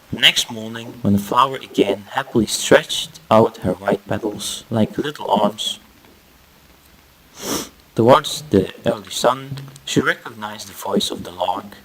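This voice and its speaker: A male storyteller with some gravel in his voice reads as if opening a fairy tale. He addresses the listener directly and expressively, with the odd small stumble. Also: on the low side, fairly bright tone, rough recording. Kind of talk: fairy tale read aloud.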